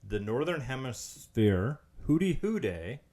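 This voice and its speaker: Man, mid pitch, podcast host, hesitant, lots of ums, reading notes. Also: very animated, unhurried, dark tone. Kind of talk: casual chat, reading out facts.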